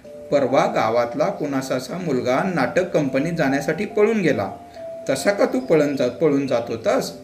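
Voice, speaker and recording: A tender, loving village mother who talks softly and consolingly, voiced by a man telling the story. The voice rises and falls warmly through her words. It sounds like an echoey room with faint music underneath. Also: a little high. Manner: soft, gentle and consoling.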